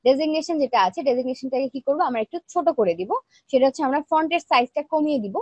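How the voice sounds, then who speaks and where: Fast, high-voiced woman teaching online. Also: darkish tone, no echo. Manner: plain step-by-step explaining, checks in with students. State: feeling weak, speaking softly. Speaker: online design class teacher. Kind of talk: live screen-share tutorial.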